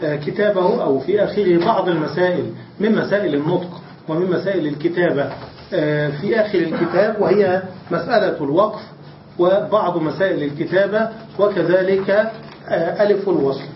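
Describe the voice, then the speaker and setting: A man's voice: sits high, fairly quick, a little hiss or hum. A man, a religious scholar, giving a classroom grammar lecture, asking questions and answering them himself. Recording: distant, roomy, dull lecture recording.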